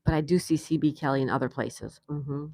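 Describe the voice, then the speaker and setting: The older New York host of this patio livestream speaks low and a little fast, her voice slightly mellow with a breathy edge, on a dry recording. She keeps things casual, reading viewer comments aloud and laughing often.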